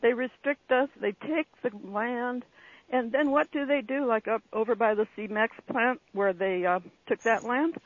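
An American woman phones a radio show in a paranoid, alarmed political rant. Her voice is somewhat rough, and it comes through a narrow, muffled telephone line. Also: fairly high pitch, measured pace, dry recording.

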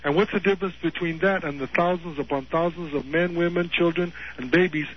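A regular voice on a call-in radio show, he needles callers with combative sarcasm. His voice sits slightly high. The sound is dull and lo-fi, like an old radio broadcast. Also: brisk, a little hiss or hum.

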